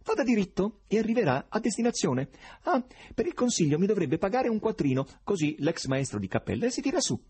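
A man's voice: sits high, very animated, brisk, a little mellow, husky, voice pushed up, heavily acted. A man doing a cracked-tenor clownish trickster. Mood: wheedling. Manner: wheedling, clownish. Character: cracked-voiced male tenor trickster, fawning.

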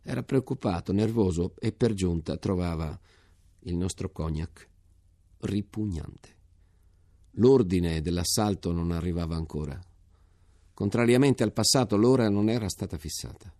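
Brief: low-voiced man with gravel in his tone, steady literary reading, dry studio sound. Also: no room sound. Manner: measured, sober storytelling. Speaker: reader.

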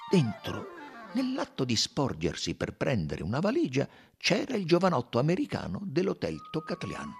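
A man's voice: a little high, wildly swooping pitch, normal speed, vocal fry, faint music behind. A man narrating an audiobook in a theatrical, varied reading style. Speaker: audiobook reader.

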